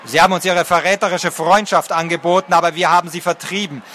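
Man doing a gruff, stern village father. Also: high-pitched, fairly even intonation, fast talker, sharp tone, a little hiss or hum. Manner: gruff, blunt.

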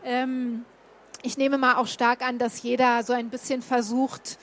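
High-voiced chatty woman from Berlin. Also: little pitch movement, unhurried, a bit bright. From Berlin, Germany. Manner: chatty, many fillers and restarts. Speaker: guest telling of a stay in Japan. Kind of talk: casual talk showing slides.

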